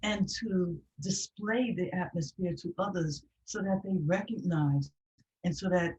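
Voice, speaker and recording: A woman hosting a poetry talk, explaining her purpose in an earnest, measured way with some restarts. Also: fairly low pitch, darkish tone, rough recording. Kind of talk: reflective conversational explanation.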